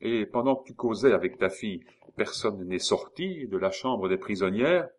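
Guy doing a stern suspicious officer, barking questions, raspy voice. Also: on the low side, expressive, normal speed. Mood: interrogating. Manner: firm, commanding questions. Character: stern young male revolutionary officer, suspicious.

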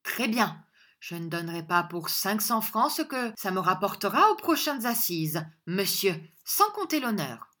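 A woman voicing a scheming older male schoolmaster who shouts, sneers and threatens in a storybook reading. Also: medium pitch, very animated, a little slow, full character voice. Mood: triumphant.

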